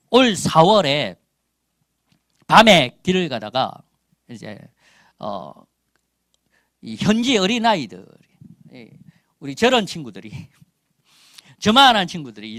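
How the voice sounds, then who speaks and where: A man in his forties preaching a sermon and telling a personal testimony, emphatic, with loud calls and quiet asides. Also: fairly high pitch, no room sound, clean studio sound. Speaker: missionary preacher.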